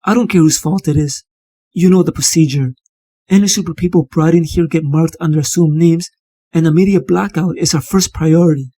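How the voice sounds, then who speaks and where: A man's voice: fairly high pitch, brisk, dark tone, dry recording. A man voicing a hospital boss who scolds and threatens in a stern way.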